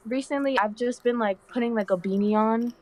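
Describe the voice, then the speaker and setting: A woman's voice: fairly high pitch, a little fast, low-quality recording. A nineteen-year-old woman from the Dominican Republic, chatting as a guest on a live stream in a slangy, rambling way full of "like". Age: young adult, 19. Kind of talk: casual chat on a live stream.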